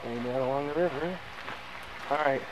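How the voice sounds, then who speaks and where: A man's voice: medium pitch, fairly quick, lo-fi sound. Guy narrating his hike on a camcorder, goofy mock-drama jokes, lots of outdoor noise. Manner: playful mock-dramatic asides. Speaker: hiker filming a trail. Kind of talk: jokey handheld hiking commentary. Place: outdoors on a forest trail. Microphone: handheld camcorder mic. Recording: noisy outdoor camcorder audio.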